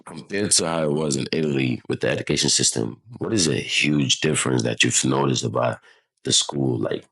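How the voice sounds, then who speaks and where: Very deep, gravelly young man from Nigeria. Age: young adult. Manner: animated, blunt, quick to agree. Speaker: podcast host. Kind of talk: casual interview chat.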